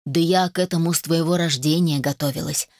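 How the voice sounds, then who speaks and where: A brisk, commanding mother who plans everything herself and hears no objection, as a woman puts her on. The voice sits low and is recorded close and dry, with no room sound. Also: fairly even intonation, no room sound. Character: bossy energetic mother planning an engagement.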